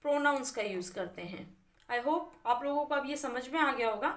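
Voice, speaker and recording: High-pitched woman teacher going thru grammar slowly, patient, lots of examples, echoey room. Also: lively intonation, a bit bright. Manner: patient, explains step by step with repeated examples. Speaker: English teacher. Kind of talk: explaining a grammar lesson.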